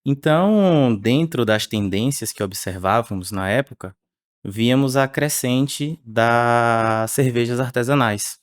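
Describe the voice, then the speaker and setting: A man, speaking as the researcher guest on a podcast interview in a measured way with frequent tag questions. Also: medium pitch, no echo, clean studio sound. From Salvador, Bahia, Brazil.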